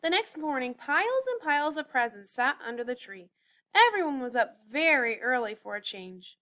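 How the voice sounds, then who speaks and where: Expressive woman reading a children's story. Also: sits high, normal speed. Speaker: narrator.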